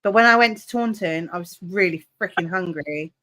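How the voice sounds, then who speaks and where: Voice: mid-range voice, moderate pace, bright, forceful tone, no echo. A person chatting bluntly on a live stream, swearing freely. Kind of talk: casual chat on a live stream.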